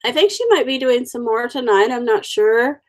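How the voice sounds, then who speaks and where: With the sniffles, a woman hosting a livestream colors stamped cards and greets viewers by name in a relaxed chat. She has an Oklahoma accent and a slightly high voice at normal speed.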